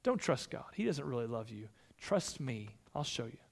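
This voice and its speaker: Man voicing a hushed, sly serpent devil. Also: very animated, moderate pace, vocal fry, in a large hall. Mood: coaxing. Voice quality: low hushed voice.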